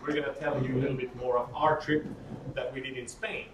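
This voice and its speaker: A man's voice: mid-range voice, level tone, a little fast. Man, 30s, casual joking workshop speaker, heard from afar in a roomy space. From Sweden. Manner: candid and joking, with frequent fillers. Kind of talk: informal workshop talk. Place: workshop room. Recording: roomy, distant mic, audible noise.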